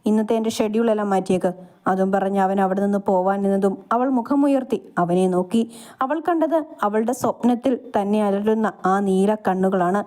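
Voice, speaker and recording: A woman narrating a romance story in a calm, even reading. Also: medium pitch, normal speed.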